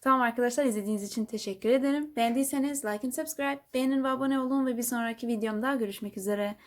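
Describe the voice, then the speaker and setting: A woman whose first language is Turkish, teaching English vocabulary, saying each word twice slowly for learners to repeat. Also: on the high side. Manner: says each word twice, slow and deliberate. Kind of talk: vocabulary lesson, slow repeat-after-me drilling.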